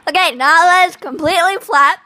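A woman voicing a quirky, boastful little chin creature who gives slow, self-important instructions in a comic how-to skit. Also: very high voice, pushed and bright.

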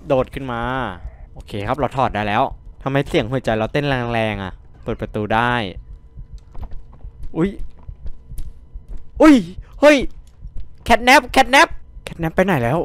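Excitable young man gaming. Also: medium pitch. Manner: excitable, swears a lot, yelps when startled. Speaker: gaming streamer. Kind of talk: horror game let's play commentary.

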